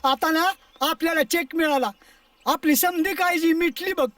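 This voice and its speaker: A poor old village grandfather in a short film, his voice pitched high and speaking. He pleads wearily, then teases fondly. The voice is heard from a distance in a dry space, with music underneath. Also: normal speed, fairly bright tone, dry recording. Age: older. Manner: pleading, then teasing and fond. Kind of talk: film acting. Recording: distant mic with background music.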